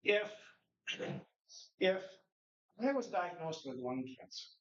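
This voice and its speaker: Speaking slowly with big swings in pitch, a Norwegian man whose first language is Norwegian presents at a conference in a slightly high voice. His lecturing is conversational and full of rhetorical questions, and the echoey room and distant mic leave the recording dull.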